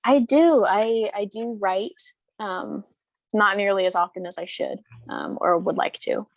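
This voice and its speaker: A woman's voice: mid-range voice, unhurried, creaky, no room sound. A woman in her early twenties, talking casually as an interview guest, rambling with lots of fillers and restarts. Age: 20s. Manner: rambling, hesitant, many fillers and restarts, laughs often.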